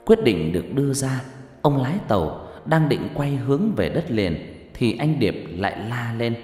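A man narrating a dramatic first-person story. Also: fairly low pitch. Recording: roomy reverberant room, soft music.

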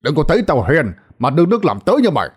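A man's voice: fairly high pitch, big pitch swings, very fast, husky. A man voicing a stern, rich old landlord in a storybook tale who scolds and threatens.

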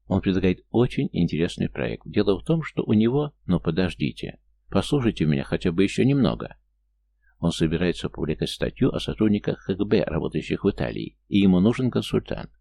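A whiny, aggrieved French hustler, as a male narrator puts him on in an audiobook. He pleads and complains in a low, creaky voice. The tone stays dark and mellow. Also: very animated, fairly quick, no echo, full character voice. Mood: pleading. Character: whiny, easily offended middle-aged Frenchman, a hustler.

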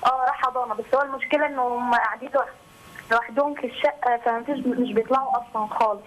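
A woman's voice: a little high, fairly even intonation, very fast. A woman from Egypt calling in on a phone line to ask for advice, speaking hesitantly with many fillers. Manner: hesitant, fills gaps with "aah". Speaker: caller. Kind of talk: phone call-in question.

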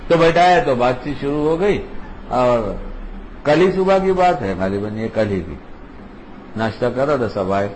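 This grandfatherly older man speaks at a medium pitch with lively intonation, frequent pauses, and a slightly mellow quality. His informal religious teaching is emphatic and conversational, and he keeps coming back to his main points. The recording is rough and carries a little background noise.

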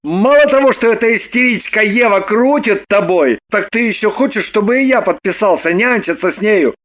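A woman voicing a grumpy, blunt adult brother with a gruff, scolding way of talking. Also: mid-range voice, lively intonation, normal speed, voice pushed up, natural voice. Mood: irritated.

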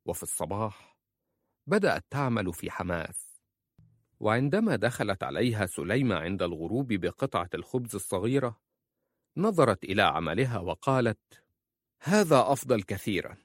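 A man reading a novel aloud in measured, even scripted narration. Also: on the low side, no room sound, clean studio sound. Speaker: audiobook narrator.

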